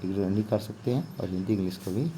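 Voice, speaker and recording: A man's voice: on the low side, fast talker, noisy background. A male teacher giving an exam-prep grammar lesson, explaining step by step and often checking in with "okay" and filler phrases. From India. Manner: explanatory, repeats "ठीक है" and "जो है आपका".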